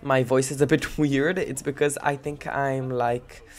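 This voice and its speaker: This let's-play gamer is a young man with a cold-blocked nose, and his gameplay commentary wanders, full of giggles and filler words. His medium-pitched voice comes across flat and measured.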